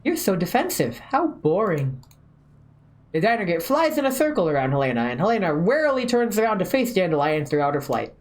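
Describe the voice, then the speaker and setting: A woman's voice: lowish voice, very animated, fast, few pauses, a little mellow. A woman game streamer reading a story aloud and adding casual commentary.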